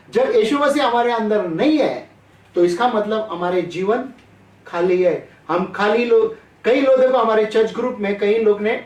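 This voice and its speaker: Over an online call, a man preaches a sermon in a chatty, conversational way, often putting questions to his listeners. His high-pitched voice sounds far from the mic in an echoey room, and the recording is low quality.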